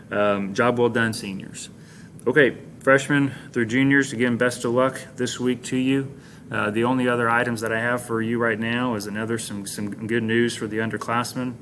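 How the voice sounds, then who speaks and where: A low-voiced American man addresses students like an orientation leader, in a flat, even tone. He is plain-spoken and encouraging, pausing often as he works through informal school announcements. There is clear background noise on the recording. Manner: encouraging, congratulatory, plain-spoken, halting phrasing. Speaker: high school administrator giving announcements to students.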